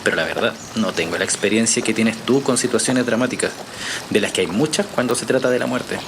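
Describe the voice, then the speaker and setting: A fairly low, everyday-sounding male voice, speaking a little fast over a noisy background, belongs to a Chilean-accented actor. He plays a casual, slightly hesitant but convinced journalist earnestly laying out his research in a naturalistic audio drama.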